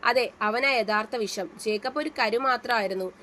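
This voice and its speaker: A woman's voice: a little high, normal speed, pushed and bright, a little hiss or hum. A woman voicing a protective young man who reassures his wife in a read-aloud story. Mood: reassuring. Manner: firm yet tender, reassuring.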